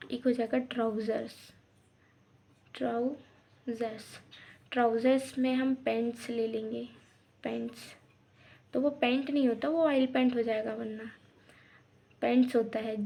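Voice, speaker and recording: Mellow-voiced woman teaching grammar step by step. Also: fairly high pitch, vocal fry. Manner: explains step by step with frequent checks. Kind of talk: English grammar lesson.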